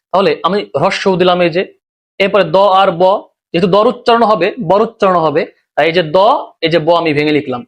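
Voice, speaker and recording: A high-voiced man with a Bangladeshi Bengali accent teaches a recorded grammar lesson. He moves step by step and keeps asking his students questions, then answers them himself.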